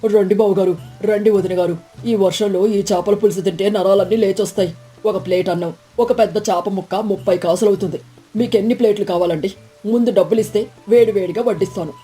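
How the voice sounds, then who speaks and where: A woman's voice: mid-range voice, fairly even intonation, fairly quick, mellow, soft background music, pitched below the performer's own voice, close to an everyday voice. A woman voicing an earnest, hardworking man who sells fish curry in a storybook tale. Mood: coaxing.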